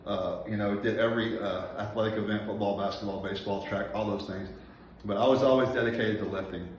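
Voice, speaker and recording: A man's voice: on the low side, steady tone, slight background noise. Breathless man in his forties in an echoey gym. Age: 40s. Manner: careful, deliberate enunciation with many fillers. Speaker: personal trainer. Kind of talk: casual workout vlog. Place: gym, indoors. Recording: echoey, distant, dull gym recording.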